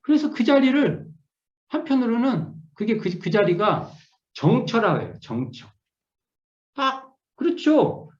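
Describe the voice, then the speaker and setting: Man, middle-aged, minister, scripture lecture, lively pitch, repeats words and restarts, dull lo-fi sound. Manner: repeats key words, hesitant restarts, musing explanations. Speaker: Won Buddhist minister teaching scripture. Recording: echoey room, dull lo-fi sound.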